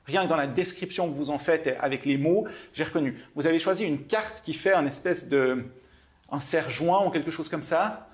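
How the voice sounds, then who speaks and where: Softly guiding man. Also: fairly high pitch. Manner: soft, slow, suggestive instructions with hesitant restarts. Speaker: mentalist host. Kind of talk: guided visualization with a guest.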